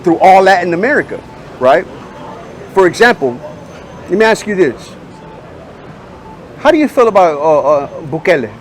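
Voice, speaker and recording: High-voiced man questioning on the street. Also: very animated, moderate pace, long pauses, slight background noise. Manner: persistent, questioning, mixes in Spanish phrases. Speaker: street interviewer. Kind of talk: casual street conversation.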